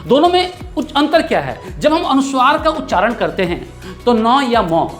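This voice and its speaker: A man's voice: very high-pitched, very animated, moderate pace, soft background music. A man teaching a grammar lesson, explaining patiently, repeating key terms and checking in with the class. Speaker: Hindi teacher.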